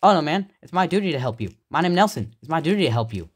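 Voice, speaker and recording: A man's voice: a little high, animated, fast talker, breathy edge. A man voicing an eager, earnest, goofy schoolboy in an amateur sock puppet comedy.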